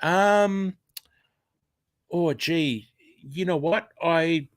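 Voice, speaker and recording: A man with an Australian accent chats casually during a live stream, reading comments aloud with lots of fillers and restarts, and thanks viewers warmly. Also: on the high side, very slow, dry recording. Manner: chatty, rambling, with many fillers and restarts; warm thanks to viewers, often exclaiming.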